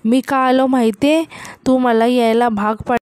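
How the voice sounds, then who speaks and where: A vengeful young man's ghost speaks with cold menace, accusing at every turn, as a woman narrator reads him. The voice sits fairly high and sounds close and dry, like a spoken story recap. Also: fairly even intonation, normal speed, a little mellow, clear, resonant tone, no room sound, lightly acted.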